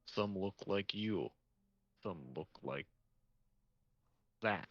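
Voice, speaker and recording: A man's voice: deep voice, extremely slow, fairly bright tone, no echo, full character voice. A man voicing a blunt male creature with a tail who speaks in broken, clipped grammar. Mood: matter-of-fact. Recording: dull lo-fi mic.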